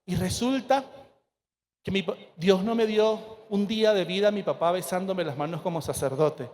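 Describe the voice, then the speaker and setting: Priest in his 40s, pretty high voice, telling his own story all emotional to a crowd of listeners. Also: a little mellow. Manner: emotional, earnest storytelling with dramatic pauses. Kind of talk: personal testimony talk to an audience.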